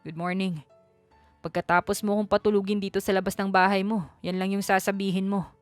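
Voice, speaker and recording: A woman's voice: mid-range voice, little pitch movement, a little fast, no echo, soft background music, lightly acted. A woman voicing a hungover, grumpy rich young man who speaks curtly and coldly in a storybook reading. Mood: irritated. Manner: curt, cold and commanding.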